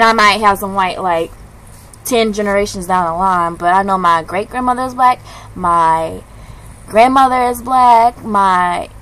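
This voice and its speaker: A woman in her twenties venting in a casual video blog, ranting in an animated, slangy way. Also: mid-range voice, poor audio. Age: 20s. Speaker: vlogger. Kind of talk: casual chat.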